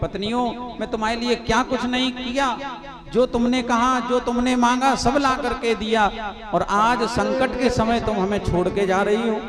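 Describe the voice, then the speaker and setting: A man's voice: extremely high pitch, flat delivery, a little slow, music in the background. A man voicing an aging male elephant king who pleads with his family not to leave him. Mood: pleading.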